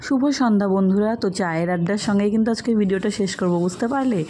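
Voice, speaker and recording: A woman from India, giving a casual vlog voice-over and often checking in with her viewers. Her throat sounds slightly hoarse. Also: mid-range voice, very fast, very noisy. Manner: chatty, keeps checking in with viewers. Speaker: family vlogger.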